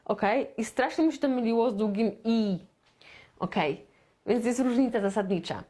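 A woman's voice: a little high, warm tone. Chatty Polish woman teaching English. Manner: chatty, explains slowly, repeats example phrases. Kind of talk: casual spoken English lesson for beginners.

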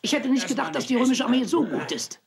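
A man playing a small, shrewd, feisty Gaulish warrior in an animated film, with a cheeky, assertive way of talking. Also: extremely high pitch, fast talker, vocal fry, a loud crowd, exaggerated voice. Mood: wry. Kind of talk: dubbed animated film acting. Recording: noisy film soundtrack.

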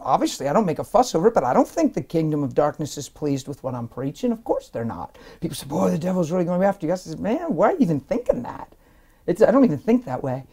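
A man in his forties giving an emphatic, animated personal testimony while seated in an interview, often breaking into laughter between points. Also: high voice. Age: 40s. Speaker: interview guest, minister. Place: indoor lounge-style set, seated in armchair.

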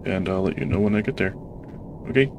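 A man giving casual, self-deprecating commentary while playing a submarine game, in a monotone way. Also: low-pitched, fast. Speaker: gamer playing a submarine sim. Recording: noisy game audio behind voice.

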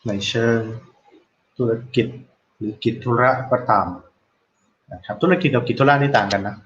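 Male teacher, mid pitch, unhurried and repetitive delivery; dull lo-fi recording. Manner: explains slowly, repeating words and pausing to quiz students; reads English model dialogue phrases aloud, drawn out. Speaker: English teacher. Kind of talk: online classroom lesson.

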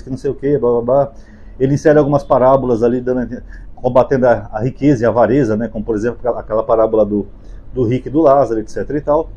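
A man's voice: medium pitch, warm tone, husky, lo-fi sound. A Brazilian man giving an unscripted, conversational talk on the gospels, peppering his points with "né" and "tá" as he speaks from memory. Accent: Brazilian Portuguese. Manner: conversational, many fillers like "né" and "tá". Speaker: YouTube Bible commentator. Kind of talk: casual spoken lecture on the gospels.

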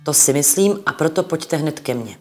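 A reformed old miser from a read-aloud storybook, cheerful and brisk, as a woman reader puts him on. The voice sits low for a woman. It stays close to her own reading voice. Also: lively intonation. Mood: mock-stern. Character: old male miser, newly joyful and generous.

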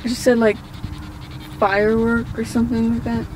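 A woman's voice: on the high side, little pitch movement, normal speed. A woman on a casual paranormal vlog out in the woods, relaying the words she hears. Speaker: ghost hunter relaying spirit messages. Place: outdoors in woods at night. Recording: noisy outdoor recording with ambient noise.

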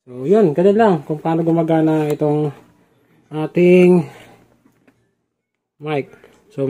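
A young man with a slightly high, darkish voice talks viewers, whom he calls "lods," through his motorcycle helmet camera setup in a chatty how-to vlog with repeated fillers. The helmet-mounted action camera mic picks up a little hiss or hum, outdoors at home and then on the road riding.

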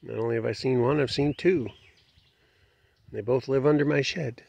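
A homestead vlogger with a mid-range voice and some vocal fry talks at a normal speed while filming his farmyard beside a shed on his phone. Relaxed and folksy, he chats to the animals as he narrates, and the outdoor phone audio is dry, dull and lo-fi.

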